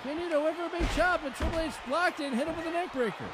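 A man doing an excited wrestling commentator, calling moves play-by-play in a punchy, emphatic, often shouting delivery. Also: extremely high pitch, very fast. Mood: punchy, focused. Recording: very noisy, loud crowd behind. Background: loud crowd noise.

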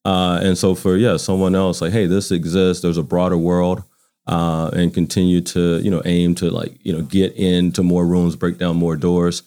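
A man in his forties from Baton Rouge, Louisiana, with an American accent speaks as an interview guest in a low-pitched, mellow voice with flat delivery at normal speed. He chats casually and reflectively, telling anecdotes.

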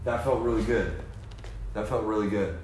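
A man giving a profane, impassioned motivational talk about sobriety, dropping from low muttering to loud emphatic preaching in casual slang. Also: moderate pace. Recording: very echoey room.

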